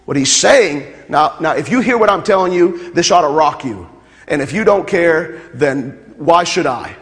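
In a sermon, a male pastor with a notably high voice preaches to his congregation, piling up repeated phrases that build to loud, fervent peaks, and pausing for jokes with the crowd. He is animated yet unhurried, and a long reverb from the large hall trails his voice.

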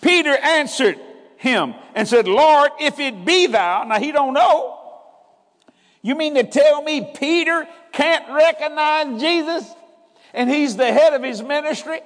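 Man, very high voice, sermon, call-and-response emphasis, long reverb. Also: animated, measured pace, a bit bright. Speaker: preacher.

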